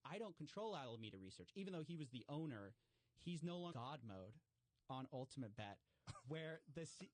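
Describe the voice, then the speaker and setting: A man talking casually and explaining at length, animated, with frequent fillers and restarts. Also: fairly high pitch, dry recording.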